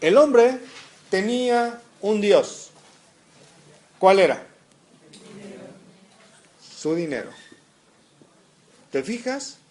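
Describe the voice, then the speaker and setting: Male preacher, high animated voice, questions the congregation, reads scripture. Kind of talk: sermon.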